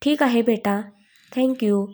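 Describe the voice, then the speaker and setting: A woman's voice: fairly high pitch, slow. A woman voicing a kindly, motherly middle-aged aunt in a storybook reading. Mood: gentle. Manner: gentle, motherly.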